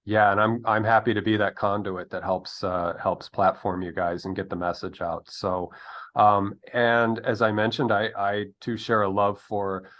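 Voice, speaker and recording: A man's voice: on the low side, little pitch movement, moderate pace, fairly bright tone. A man hosting an interview, friendly and talking with many ums and uhs. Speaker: interview host. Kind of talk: casual interview talk.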